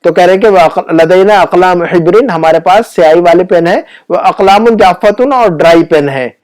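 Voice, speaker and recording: A middle-aged man teaching a grammar class, explaining patiently, repeating himself and often checking that students follow. He recites word lists slowly and deliberately. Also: sits high, a little mellow. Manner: patient, repetitive explaining with frequent checking questions. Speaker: Arabic teacher.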